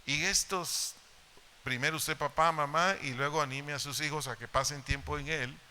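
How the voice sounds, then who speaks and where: A man's voice: a little high, fairly even intonation, normal speed, pushed and bright, slight background noise. A middle-aged man with a Mexican Spanish accent preaching a sermon to parents in a church, repeating key phrases and Bible references for emphasis. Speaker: pastor. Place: church hall.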